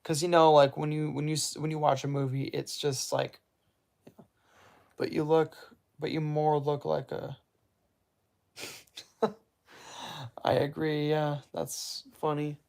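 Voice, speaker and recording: A man chatting casually on a livestream, his slightly raised voice carrying a gravelly edge. He wanders from point to point, corrects himself often and answers comments from his live chat. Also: a little high, flat delivery, slow, pauses often, a little mellow. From United States. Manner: rambling, self-correcting, reacts to live chat. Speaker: livestream host.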